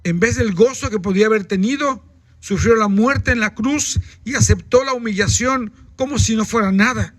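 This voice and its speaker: Pastor preaching, very high bright voice, asks the congregation questions, dry sound. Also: male voice, moderate pace, no echo. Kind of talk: sermon.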